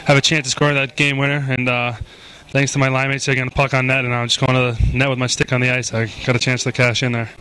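A man's voice: mid-range voice, little pitch movement, quick pace, sharp tone, slight background noise, rough recording. A young man who plays college hockey, giving eager, unpolished post-game answers into a handheld mic. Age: young adult. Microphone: handheld mic held by interviewer.

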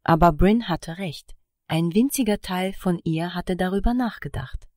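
Woman, audiobook narrator, calm even reading, low voice, dry close sound. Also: a little slow, no room sound. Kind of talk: scripted narration.

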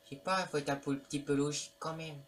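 Teasing woman, low voice. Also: fairly even intonation, fast, distant mic. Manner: teasing, playful. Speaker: co-player. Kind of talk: casual joking chat. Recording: faint background noise.

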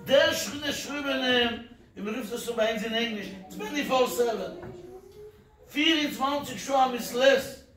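An older rabbi giving a Torah talk at a family wedding celebration, halting and repeating words in a sing-song way. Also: male voice, high-pitched. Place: hall at a festive meal. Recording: echoey room, mic at a distance.

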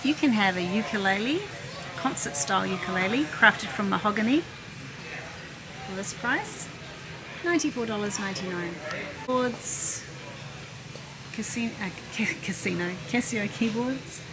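An animated middle-aged woman narrates a casual shop-along at normal speed, pausing often as she thinks aloud while browsing. The setting is a big indoor warehouse store, shot by a camera operator on a handheld, with the store's loud hum and rumble behind her.

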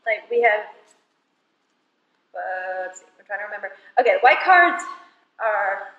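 A woman's voice: medium pitch, expressive, measured pace, dull audio. A young woman hosting a casual card game at home, giggly and rambling as she explains the rules. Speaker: host of a card game video. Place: home living room. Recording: echoey room, mic at a distance.

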